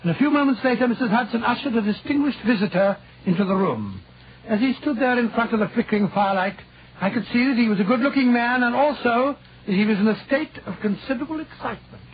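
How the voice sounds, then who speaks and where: An actor playing a genial, easily shocked older British doctor, blustering and avuncular, in 1940s radio style. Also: male voice, extremely high pitch, lively intonation, quick pace, breathy edge, heavily acted. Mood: reminiscing. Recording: muffled, hissy old radio recording.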